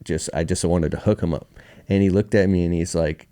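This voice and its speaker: Low-voiced man telling a candid story. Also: fairly even intonation, a little fast, dark tone. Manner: candid, emotional, slangy with "bro" and "dude". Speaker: podcast guest. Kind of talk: casual storytelling in a podcast interview.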